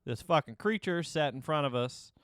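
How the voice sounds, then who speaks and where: A man co-hosting a casual podcast, telling stories in an animated, profane way and imitating other people's voices. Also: a little high, moderate pace, no echo, studio quality. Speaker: podcast co-host.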